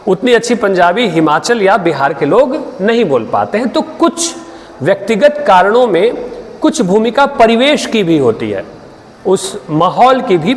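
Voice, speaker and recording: A man's voice: sits high, big-room sound. A man from Bihar lecturing, explaining to students and checking often that they follow. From Bihar, India. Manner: explains with frequent checks and tag questions. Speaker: Hindi literature teacher. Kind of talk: online exam-prep lecture.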